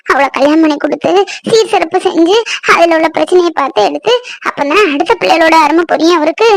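A woman's voice: very high voice, a bit bright, no echo. A woman voicing a tearful, stubborn young married woman in a cartoon who sobs and argues. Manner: sobbing, pleading, accusing.

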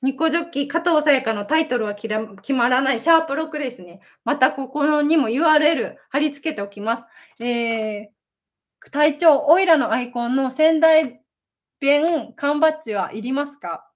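A woman's voice: high-pitched, moderate pace. A young woman from Japan hosting a casual livestream from her home, reading viewer comments, chatty and often laughing between many fillers. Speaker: livestream host, idol. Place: home in Sendai.

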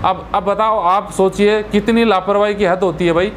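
A man's voice: high voice, fairly even intonation, moderate pace, a little hiss or hum. A man in his thirties talking straight to the camera with a lapel mic in a small room, earnestly and indignantly explaining a case while gesturing with his hands. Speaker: vlogger giving legal and travel advice. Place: small room in front of a red curtain. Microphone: clip-on lapel mic.

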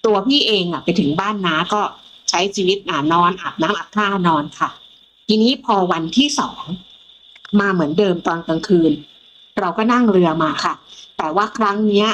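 A middle-aged woman from Thailand tells a ghost story from her own life in a lively way. She acts out the voices of the people in it. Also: medium pitch, normal speed, rough recording. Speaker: guest storyteller.

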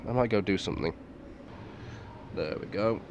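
A man with a fairly low voice reviews gear in a casual, off-the-cuff way. He is understated and sweary, muttering asides as he goes. He is recorded outdoors with some background noise. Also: normal speed, darkish tone. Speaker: military surplus gas mask reviewer. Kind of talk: casual unscripted product review. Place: outdoors in a garden at night. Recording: clearly noisy outdoor recording.

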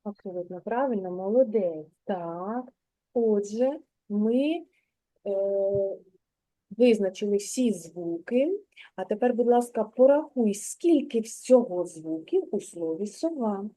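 A woman's voice: medium pitch, lively intonation, slow, warm tone. A woman kindergarten teacher giving a patient, encouraging one-on-one reading lesson to a young child, prompting step by step.

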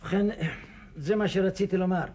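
High-voiced husky old rabbi. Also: male voice, fairly even intonation, darkish tone. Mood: urging. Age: older. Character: elderly bearded rabbi, earnest, insistent family friend. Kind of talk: televised period stage drama acting.

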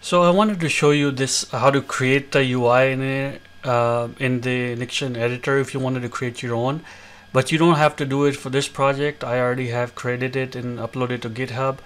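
A man hosting a screen-recorded coding tutorial, explaining each step in a relaxed way with many fillers. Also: medium pitch, normal speed, few pauses. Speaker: tutorial host.

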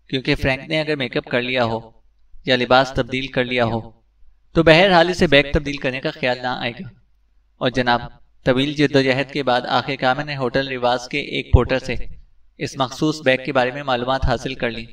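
A man's voice: mid-range voice, fairly bright tone, far from the mic, lightly acted. A man voicing a male intelligence agent who gives a respectful, thorough report to his chief.

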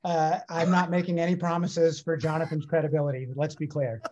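A man's voice: a little high, level tone, fairly quick, warm tone, muffled recording. A man who runs a company, a guest on a business podcast, answering with wry humor. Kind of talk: casual interview chat.

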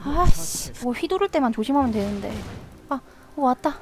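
Very high-pitched excitable woman streamer. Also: normal speed, noisy background. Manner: excitable, talks to herself and shouts at the game. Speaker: game streamer. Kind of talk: live gameplay commentary.

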